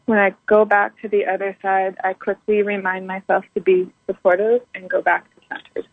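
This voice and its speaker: A woman's voice: medium pitch, flat delivery, normal speed, no room sound. A woman calling in to a show, earnestly repeating affirmations after the host over the phone. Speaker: caller. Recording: tinny phone line.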